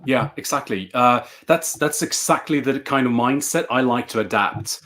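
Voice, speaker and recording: A man's voice: mid-range voice, moderate pace, a bit bright, a little hiss or hum. Swedish man on a video call. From Sweden. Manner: earnest, repeats words while thinking. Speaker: success coach, guest. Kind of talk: casual video-call interview. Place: bright room at home.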